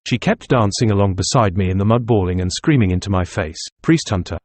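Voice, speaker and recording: Brief: wry middle-aged rebel raconteur, read by a man, lowish voice, dry booth. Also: fairly quick, a little mellow, dry recording, natural voice. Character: stubborn middle-aged Irish nationalist man telling a tale.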